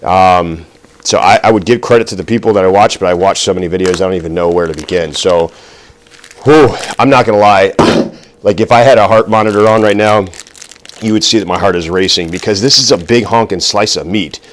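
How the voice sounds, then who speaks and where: A man's voice: deep voice, a little fast. A middle-aged man hosting a casual cooking vlog, talking while he works, nervous and self-deprecating, rambling with fillers and a little out of breath. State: out of breath at times. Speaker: cooking video host.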